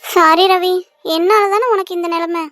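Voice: extremely high pitch, steady tone, normal speed, bright, forceful tone, dry recording, studio quality. A performer voicing a remorseful young woman from a rich family who pleads and apologizes in a cartoon. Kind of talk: cartoon voice acting.

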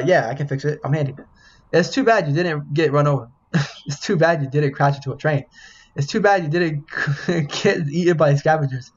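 In dull-sounding audio, a man with a fairly high voice casually reads a game's dialogue aloud as he plays. His let's-play commentary includes swearing, laughter and yelps when something startles him.

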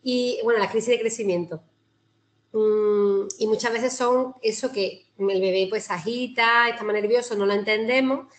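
A woman's voice: on the high side, steady tone, normal speed. A woman physiotherapist with a Spanish accent giving a chatty, informal talk to a breastfeeding group over a video call, with many tag questions and restarts. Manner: chatty, warm-hearted, frequent "¿no?" tags and restarts.

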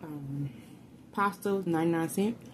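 A woman chatting casually to her viewers while chewing her food, in a relaxed speech. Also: fairly low pitch, moderate pace, a little hiss or hum. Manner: relaxed, talks to viewers as y'all. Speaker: food vlogger. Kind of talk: casual eating vlog chat.

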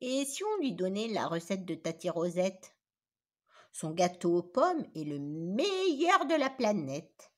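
Sensible little pig, friendly and measured, a woman reading, lively pitch. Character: wise little piglet.

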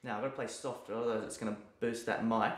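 A man's voice: fairly low pitch, fast talker, noisy background. Chatty man teaching in an echoey room. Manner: relaxed, chatty, demonstrates by singing and vocalising. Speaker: piano and music teacher. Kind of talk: casual video lesson. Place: room at home during lockdown. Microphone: mic near the camera.

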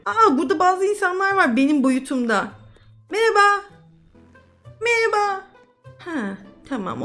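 A woman YouTuber giving excitable, exclamatory commentary as she plays a game, with faint music behind. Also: high voice. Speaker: gaming YouTuber. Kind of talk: casual gameplay commentary.

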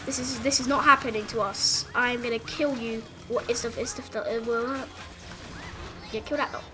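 A woman giving excited gameplay commentary as a gaming channel host, breaking into shouts and yelps at the action. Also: a little high, moderate pace, music in the background.

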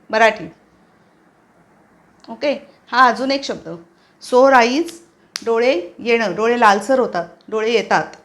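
A woman with a Marathi accent teaching English vocabulary, spelling each word out letter by letter and explaining it plainly. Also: on the high side. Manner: spells words out letter by letter, slow and careful. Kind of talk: vocabulary lesson.

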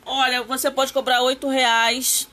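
A woman's voice: high voice, level tone, unhurried, bright, forceful tone. A woman hosting a casual craft live stream, chatting with viewers and greeting them by name.

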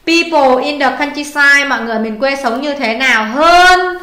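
Vietnamese-accented female English tutor, high and bright, echoey room, patient prompting. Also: normal speed. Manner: prompting, checks answers, explains grammar patiently. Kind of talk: one-on-one tutoring, going through a test.

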